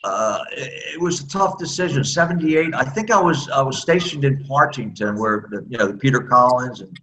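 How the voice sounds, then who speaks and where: A man's voice: medium pitch, expressive, normal speed, a bit bright, slight background noise, rough recording. A man in his sixties with an American accent, a former speedway rider telling candid, self-deprecating stories in a casual interview.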